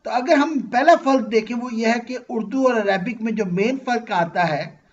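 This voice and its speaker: A man's voice: very high-pitched, moderate pace, muffled recording. A man, teaching Arabic grammar in an online class and patiently quizzing his students. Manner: patient, asks students questions and checks understanding.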